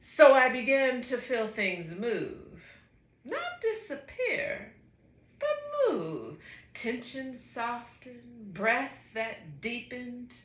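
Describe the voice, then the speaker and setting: Woman doing a soft drawn-out spoken word piece, kinda high voice, echoey room. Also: big pitch swings. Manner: slow, breathy, lilting delivery with soft exclamations. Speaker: psychotherapist and wellness coach.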